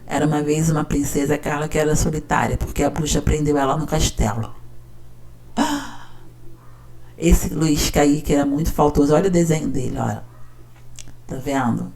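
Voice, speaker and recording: A woman's voice: deep voice, vocal fry, mellow. A woman teacher, talking casually and often checking in with her listener. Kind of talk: casual explanatory talk.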